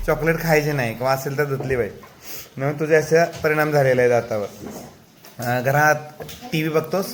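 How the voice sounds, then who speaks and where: A man with a Marathi accent, a teacher gently teasing and coaxing a young pupil with questions in a classroom interview. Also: on the high side, slight background noise.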